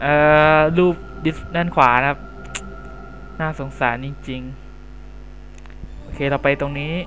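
Foul-mouthed young man yelling at a game. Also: fairly high pitch, steady tone, slow, a little hiss or hum, rough recording. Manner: crude, loud swearing outbursts and jokey asides to viewers. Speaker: gameplay commentator. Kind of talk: horror game let's play commentary. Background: game music.

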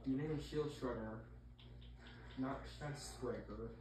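Halting self-mocking gamer, echoey and distant. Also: male voice, mid-range voice. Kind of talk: casual let's-play commentary. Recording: echoey room, mic far off, noisy.

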